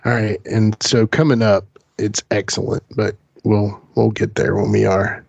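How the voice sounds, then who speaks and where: A man's voice: fairly low pitch, level tone, measured pace, creaky, a little mellow, slightly rough, no echo. A man hosting a casual film watch-along, chatting and commenting in a jokey, rambling way. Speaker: watch-along podcast host. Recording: dry, dull lo-fi mic.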